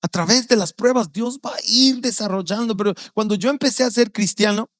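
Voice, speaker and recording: A male pastor with a Guatemalan Spanish accent preaching a sermon, telling stories with vivid acted-out voices and dropping low and quiet on serious points. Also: a little fast, no echo. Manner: storytelling, acting out quoted voices with sudden loud outbursts.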